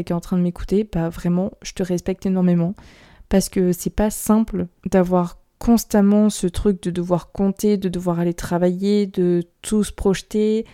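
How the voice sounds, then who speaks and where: A young woman hosting her own podcast, talking candidly in a rambling, quick way and laughing nervously now and then. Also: medium pitch, mellow. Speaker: podcast host. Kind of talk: personal solo podcast talk.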